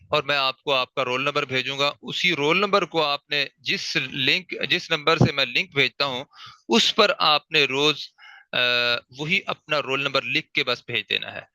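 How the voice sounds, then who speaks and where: In an online tajweed lecture, a male Quran recitation teacher with a mid-range voice that's very bright, crisp and resonant demonstrates single letter sounds slowly and repeatedly, asking rhetorical questions to check in. The audio is close, dry and rough.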